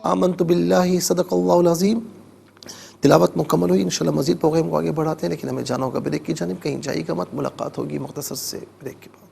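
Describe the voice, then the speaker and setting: A man with a high, gravelly voice teaches on a religious TV show. He explains grammar step by step and spells out letters and vowels one by one. His studio microphone keeps the sound close. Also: steady tone, darkish tone, slight background noise. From Pakistan. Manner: chants recitation in long melodic lines. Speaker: Quran teacher and show host. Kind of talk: religious TV lesson on Quran recitation.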